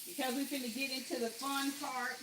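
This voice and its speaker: While she cooks at home, this woman talks easily to her audience, addressing them as "y'all" and exclaiming about the dishes. She speaks a little quickly in a high, flat voice, and there's background noise.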